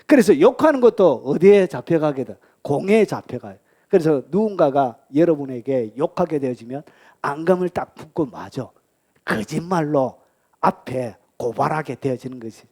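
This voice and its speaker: A man's voice: fairly high pitch, lively intonation, normal speed. A male pastor with a Gyeongsang accent preaching a sermon, asking the congregation questions and answering them himself, acting out angry outbursts and dropping at times to a whisper. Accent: Gyeongsang Korean. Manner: acts out angry outbursts, shifts between loud and whispered lines.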